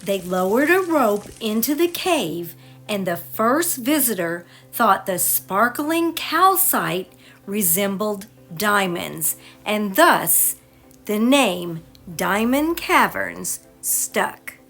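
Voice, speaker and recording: A woman's voice: mid-range voice, big pitch swings, slow pace, a bit bright, soft background music. A woman travel vlogger giving scripted narration of a sightseeing trip.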